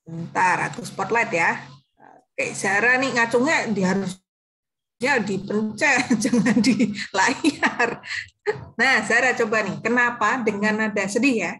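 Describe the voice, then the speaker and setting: A woman's voice: a little high, slow pace, bright, forceful tone. A woman moderating an online class for children over a video call, chatting casually and playfully.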